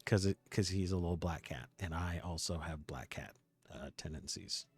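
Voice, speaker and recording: A man's voice: sits low, moderate pace, breathy edge, faint music behind. A man streaming a video game, chatting casually with swearing and laughing asides.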